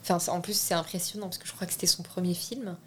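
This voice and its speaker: This is a young adult woman from France, a filmmaker, talking casually as an interview guest. Her voice sits a bit low, and she pauses, fills gaps and starts over frequently as she hunts for words, with slight background noise present.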